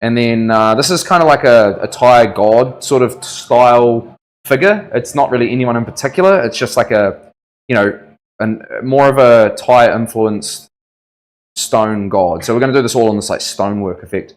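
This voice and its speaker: A man with a broad Kiwi accent talks in a laid-back, matey way, full of casual slang. His mid-pitched voice suits an informal livestream hosted from the tattooist's chair. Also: moderate pace. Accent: New Zealand. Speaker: tattoo artist hosting a livestream.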